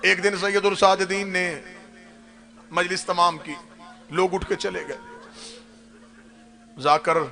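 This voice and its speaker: Man, Pakistani Urdu accent, majlis sermon, high voice, gravelly, lamenting recital, pulpit microphone. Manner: lamenting, recited narration that rises into crying shouts. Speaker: Shia cleric delivering a majlis. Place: standing at a pulpit at a gathering.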